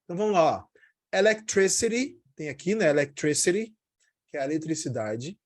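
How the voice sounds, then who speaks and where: A man with a fairly high voice gives a casual English lesson. His first language is Portuguese. He chats through his explanations quickly, then slows down to say each English word carefully and repeat it. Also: lively intonation, darkish tone. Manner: explains in Portuguese, says English words slowly and repeats them. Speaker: English teacher.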